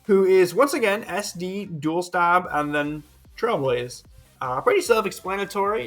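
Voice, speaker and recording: A young man giving casual, excitable commentary on his own video game matches, laughing and swearing often. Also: on the high side.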